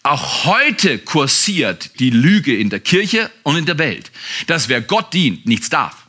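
This pastor's sermon feels like a conversation: he asks listeners pointed questions and swings from emphatic outbursts to quiet asides. He speaks slowly in a fairly high, husky voice that is very animated.

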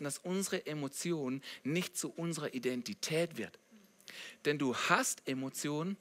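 A man with a bright, forward voice, a little higher than most men's, preaches a sermon. He keeps it conversational, asking his listeners question after question. His delivery stays lively and direct. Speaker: pastor.

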